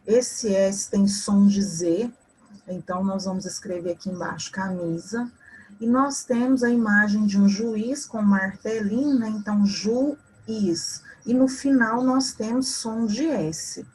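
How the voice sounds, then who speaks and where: A woman's voice: medium pitch, measured pace, darkish tone, slight background noise. A woman with a Brazilian Portuguese accent, a teacher correcting homework for schoolchildren, explaining patiently and spelling out words.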